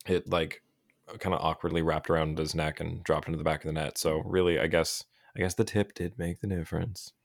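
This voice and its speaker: Male co-host, low and creaky, casual sports chat, animated storyteller, dry close sound. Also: brisk, no room sound. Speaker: co-host of a hockey talk show.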